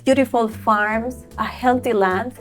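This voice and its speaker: A woman from Ecuador, talking as an entrepreneur guest in an enthusiastic, animated way. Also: fairly high pitch, soft background music. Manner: enthusiastic, animated, quick bursts with restarts. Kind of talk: podcast interview.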